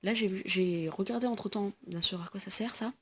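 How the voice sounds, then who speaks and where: A woman's voice: mid-range voice, brisk, slightly rough. A woman giving casual gameplay commentary, chatty and explaining things to viewers with lots of fillers. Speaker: gaming video host.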